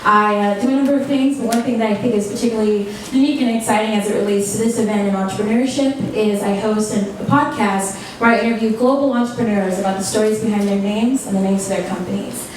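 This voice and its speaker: A woman hosting a live event, upbeat and drawing the crowd in. Her voice comes from a distance in a very echoey hall, with clear background noise. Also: medium pitch, steady tone, quick pace, hardly any pauses. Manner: upbeat, engaging the audience. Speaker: event host. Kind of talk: opening remarks at a live event. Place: large echoey event room indoors.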